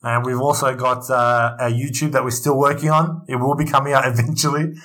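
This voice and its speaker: A man chatting casually as a gaming podcast co-host. His voice is bright and forceful, and he rambles, restarts and retells the story as he goes. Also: medium pitch, flat delivery, brisk. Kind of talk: casual chat.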